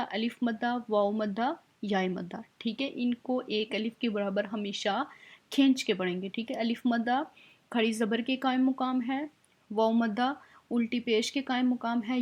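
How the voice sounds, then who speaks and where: A woman's voice: fairly high pitch, a little mellow, muffled recording. A woman teaching Quran recitation in an online lesson, explaining patiently step by step and checking in often. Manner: slows down to spell out recited words.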